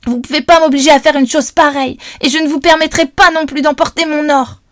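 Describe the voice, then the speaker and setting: A woman voicing a fierce, defiant young tomboy girl with shrill, high outbursts. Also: fairly even intonation, fast, a bit bright, dry recording. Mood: defiant, frantic.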